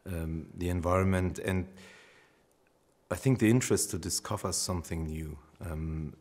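A middle-aged scientist with a very deep voice speaks with earnest enthusiasm. He is giving a documentary interview in a bright office. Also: steady tone, moderate pace. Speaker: paleoclimatologist.

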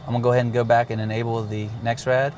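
Very fast and with little pitch movement, this mid-range male voice sits against background noise. He is an avionics demonstrator casually taking a cockpit navigation system step by step, speaking plainly and with some fillers.

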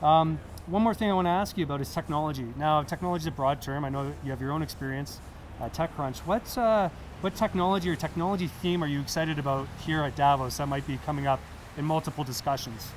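A man in his thirties interviewing a guest outdoors on a busy street, asking friendly questions and adding quick backchannels. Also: a little high, a little hiss or hum.

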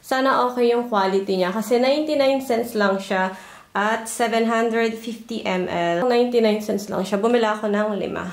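Talking at normal speed in a fairly high voice, a Filipino-accented vlogger from the Philippines narrates her haul casually and chattily, listing one item after another. Loud music runs in the background.

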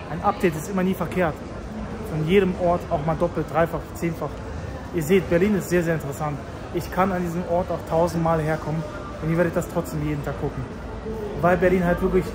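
A man in his thirties from Tajikistan, chatting casually to viewers as he walks through a city square and station at night, with the camera held at arm's length. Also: on the high side. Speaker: vlogger. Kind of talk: street walking vlog commentary. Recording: loud city street noise.

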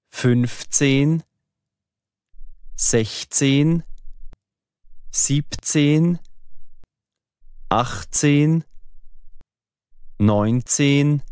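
Male lesson narrator, very slow and clearly enunciated, dry booth. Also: mid-range voice, a little mellow, no echo. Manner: clear, careful enunciation for learners. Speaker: language teacher narrator. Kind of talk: slow scripted language-lesson reading. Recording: dry studio voice-over.

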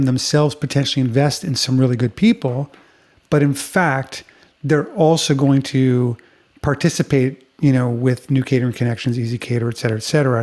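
A man's voice: mid-range voice, a little mellow. A middle-aged man hosting a casual podcast interview from a home studio, asking long, eager, rambling questions. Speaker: podcast host. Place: home studio room with shelves. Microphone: studio mic on boom arm.

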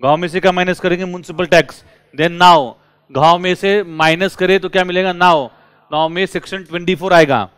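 A male teacher runs a lively lecture, firing questions at his class. His voice sits a little high and comes across clean and resonant. The recording is dry and close. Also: moderate pace, smooth, no echo. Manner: lively, drills students with repeated questions.

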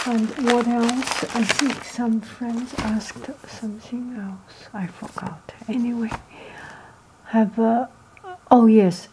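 Slow, hesitant woman, softly chatting. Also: on the high side. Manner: hesitant, halting. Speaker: video host. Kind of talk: soft ASMR product chat. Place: indoors at a table, close to wrappers. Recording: clear background noise, crinkling foil and clicks.

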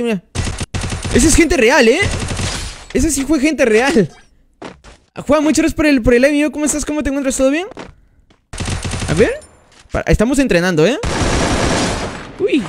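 Very high-voiced man streaming a game. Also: a little hiss or hum. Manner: chatty, thanks and greets each viewer by name. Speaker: gaming streamer. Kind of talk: live gameplay commentary.

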